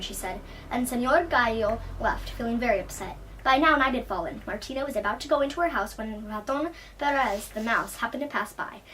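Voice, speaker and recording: Quick woman reading a folktale. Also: on the high side, slight background noise. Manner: lively expressive narration. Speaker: storyteller. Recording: distant from the mic.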